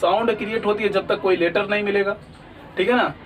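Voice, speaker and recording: A man's voice: high-pitched, steady tone, brisk, a bit bright, recorded from a distance, faint music behind, low-quality recording. A man teaching an English lesson, asking questions and answering them himself, often checking that students follow. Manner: repeats "ठीक है ना?" often. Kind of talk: classroom lesson.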